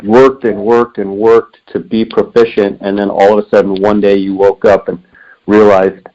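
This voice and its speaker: A man's voice: lowish voice, level tone, moderate pace, dark tone. A man hosting a casual interview, talking in a conversational way. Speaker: podcast host. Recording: slightly dull, band-limited audio.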